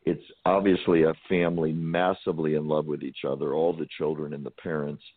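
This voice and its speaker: A man's voice: rumbling low, flat delivery, fairly quick, no echo. A man hosting a talk radio show, giving indignant, emphatic opinions to a guest. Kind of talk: call-in talk radio conversation. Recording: dry tinny phone-band audio.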